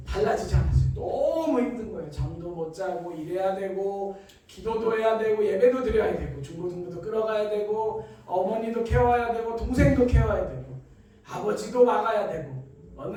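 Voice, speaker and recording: A man's voice: high voice, darkish tone. A man giving an emotional testimony in church, telling his story dramatically and acting out the voices in it. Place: church hall. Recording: echoey room, far from mic.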